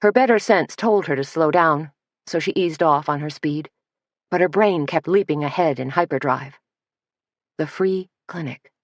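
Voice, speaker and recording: A woman narrating an audiobook mystery in a steady, measured reading. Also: low voice, no echo, studio quality. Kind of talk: scripted narration.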